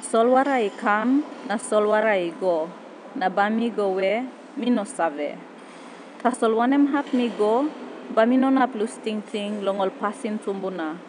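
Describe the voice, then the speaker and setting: A woman with a Papua New Guinean accent recites spoken-word verse in pidgin. Her pitch sits in a middle range for a woman. Clear ambient noise runs behind the recording. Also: measured pace.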